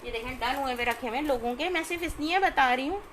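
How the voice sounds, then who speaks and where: A woman, chatting informally as she sells clothes on a live stream and often checking in with her listeners, over clear background noise. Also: high-pitched, quick pace, fairly bright tone. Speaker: live online clothing seller. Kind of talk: casual live shopping sales chat.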